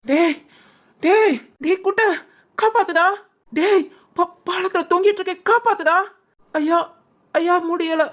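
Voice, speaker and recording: A strained, very high voice of a panicky young man, as a woman puts him on. He shrieks frantically for help. This is cartoon voice acting. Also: a little slow, fairly bright tone. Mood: panicked.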